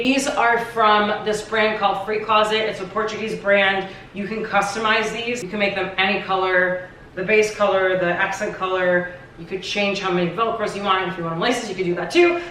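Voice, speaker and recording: Bright chatty woman in an echoey room. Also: mid-range voice, a little hiss or hum. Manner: chatty and upbeat, filler "like" throughout. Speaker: fashion vlogger. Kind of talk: casual fashion styling vlog. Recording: echoey room, distant mic.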